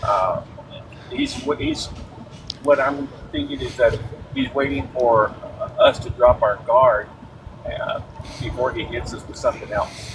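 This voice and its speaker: Male caller, tin-can tinny line, rambling delivery, lively swings in pitch. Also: measured pace. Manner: hesitant, many fillers. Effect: tinny, muffled call-in audio, like a tin can. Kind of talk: casual call-in chat. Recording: distant, noisy, tinny call-in line.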